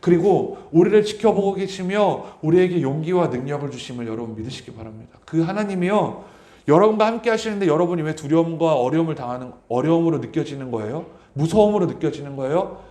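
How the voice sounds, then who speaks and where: A man's voice: on the high side, lively intonation, fast talker, warm tone. A man preaching a Sunday sermon as pastor, reading scripture aloud and speaking earnestly and directly to his congregation, repeating key phrases. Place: church sanctuary. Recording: roomy church echo.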